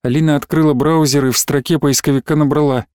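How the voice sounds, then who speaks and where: A man reading a novel aloud as an audiobook narrator in measured, even storytelling. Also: on the high side, clean tone, no room sound, studio quality. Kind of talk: scripted narration.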